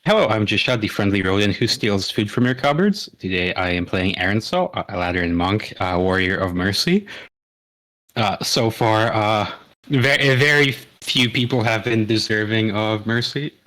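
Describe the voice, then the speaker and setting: A man's voice: fairly low pitch, moderate pace, fairly bright tone. Joking man, crude humor. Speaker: player. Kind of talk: casual chat.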